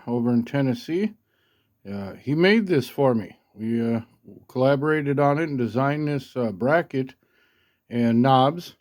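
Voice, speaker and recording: A man with a medium-pitched, slightly mellow voice demonstrates some gear in a casual, unscripted way. He's a hobbyist, and his folksy, hesitant delivery keeps checking in with whoever's listening.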